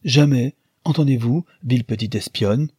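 A man with a husky voice voicing an impetuous young wife who scolds with imperious, haughty commands. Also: lowish voice, measured pace, dark tone, no echo, clean studio sound. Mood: furious. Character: impetuous young wife, tender then fiery-tempered.

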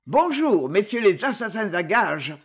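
A narrator voicing a defiant, swaggering male knight who shouts insults and battle cries at his attackers in an audiobook reading. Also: medium pitch, big pitch swings, very slow, husky, heavily acted.

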